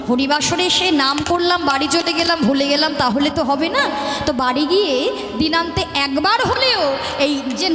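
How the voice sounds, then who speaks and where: A woman preaches to a devotional gathering between chants. She coaxes and teases her listeners with questions. Her voice sits very high, and it carries a long hall echo. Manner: coaxing, teasing the audience with questions. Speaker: kirtan singer. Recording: echoey hall with loud music.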